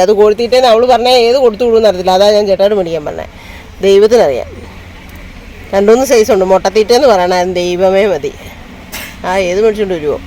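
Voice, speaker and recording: Chatty woman vlogger, high voice. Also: darkish tone, a little hiss or hum. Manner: coaxing baby talk with a small child; chatty, folksy commentary to the camera. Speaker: vlogger host. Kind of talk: casual family vlog chat.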